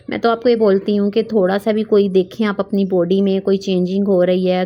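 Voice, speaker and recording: Earnest thirties woman with a mellow voice. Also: medium pitch. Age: 30s. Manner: earnest, mixes English words into Urdu-Hindi speech. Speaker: vlogger giving advice to wives. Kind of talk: casual advice monologue.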